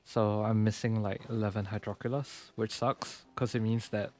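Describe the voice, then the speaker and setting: Slight background noise and game music accompany a lowish, darkish male voice with little pitch movement and a moderate pace. The young streamer, a virtual YouTuber, narrates his gameplay casually, thinking aloud in an easygoing manner.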